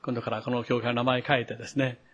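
A man, a pastor delivering a sermon, who acts out the quoted speech with a raised voice and drops to a hush when he turns to the congregation. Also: medium pitch, flat delivery, quick pace, breathy edge, lo-fi sound.

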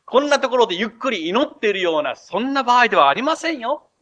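A man voicing an impatient male disciple who grumbles and complains, in a high, lively voice. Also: fast talker, highs cut off, exaggerated voice. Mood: insistent. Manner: complaining, exasperated.

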